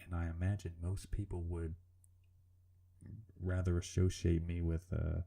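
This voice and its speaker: A man speaks in a low, gravelly rumble with a very dark tone, like a serial killer. He narrates his drawing informally, hesitating and putting himself down as he goes. His language is casual and sweary. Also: level tone, a little slow. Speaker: artist narrating a drawing video. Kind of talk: informal drawing commentary voice-over.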